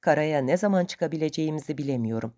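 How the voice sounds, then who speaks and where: A woman voicing a courteous male ship's officer who speaks calmly and politely. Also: low voice, fast talker.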